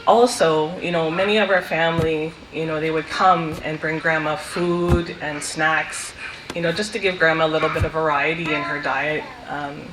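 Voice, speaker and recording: A woman giving a fond, soft-spoken funeral eulogy for a family member, sharing stories with light laughter. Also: deep voice, fairly even intonation, moderate pace, noisy background. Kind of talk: funeral speech with anecdotes. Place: funeral hall. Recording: echoey hall with faint ambience.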